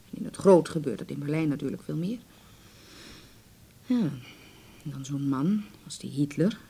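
In a naturalistic radio play, an actress portrays an anxious, devoted middle-aged mother. Her voice is lowish, dark and slightly rough, and she speaks hesitantly, sighing and pleading.

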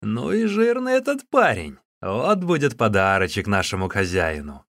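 A man voicing coarse bandit henchmen in an audiobook, with a raised, excited, shouting delivery. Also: on the low side, normal speed, no room sound, studio quality. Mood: gloating. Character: rough loud male bandit henchmen.

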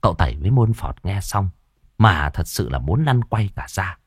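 Male storyteller, low and expressive, dry studio sound. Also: normal speed, breathy edge, no echo. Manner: lively, vivid narration. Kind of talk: dramatic comic storytelling.

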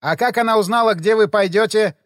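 A man's voice: high voice, fairly quick, no room sound, pitched above the performer's own voice, lightly acted. A man voicing an easygoing, joking man with a head cold who talks in a familiar, teasing way, in a dry close recording. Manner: jokey, familiar, sniffling.

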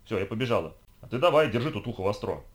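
A man voicing a bold, bossy young girl who guides her companion, in a brisk, commanding way. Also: lowish voice, big pitch swings. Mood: instructive.

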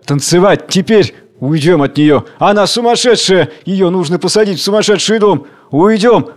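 A man's voice: high voice, expressive, normal speed, pitched above the performer's own voice. A man voicing a crowd of cowardly, sly guests who hiss and whisper spitefully. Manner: hissing, sly, scared.

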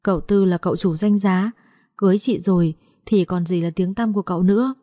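A woman's voice: medium pitch, steady tone, a little fast, warm tone, dry recording, studio quality, lightly acted. A woman voicing a timid young pregnant servant woman who sobs and pleads. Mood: sad. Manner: sobbing, pleading.

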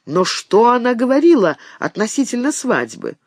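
A man's voice: very high-pitched, normal speed, no echo, clean studio sound, voice pushed up, exaggerated voice. A man doing an anxious young nobleman in love. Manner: excited, pleading.

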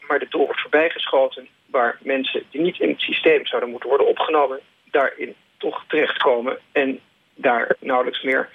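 A man, a lawyer, leaving a measured, formal voicemail message over the phone. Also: mid-range voice. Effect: leaving a voicemail over a phone line. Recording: tinny phone line, husky.

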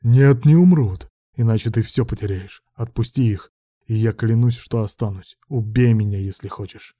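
A man's voice: on the low side, normal speed, warm tone, no room sound, clean studio sound, close to an everyday voice. A man voicing a desperate young man who speaks tensely and with defiance. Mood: defiant.

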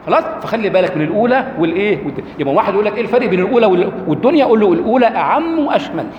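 An Egyptian man lectures with a high voice that swings widely up and down. He keeps throwing questions to his audience as he explains. The sound is roomy, with a long hall reverb and a faint hum behind him. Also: rapid-fire, lo-fi sound. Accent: Egyptian Arabic. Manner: lively, rhetorical questions to the audience. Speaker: lecturer on Quranic rhetoric. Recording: echoey hall, faint background noise.

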